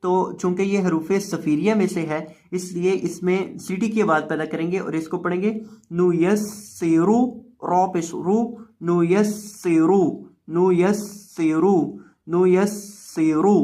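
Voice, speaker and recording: A Quran reading teacher giving a Qaida lesson who spells out syllables slowly and drawn out, then explains the rules more quickly. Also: medium pitch, darkish tone.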